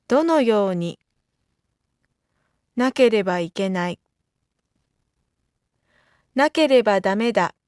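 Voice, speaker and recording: A woman reading out lesson vocabulary carefully, one isolated item at a time with pauses between. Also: mid-range voice, a little mellow, dry recording, studio quality. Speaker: Japanese vocabulary reader. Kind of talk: scripted word-list reading for a language lesson.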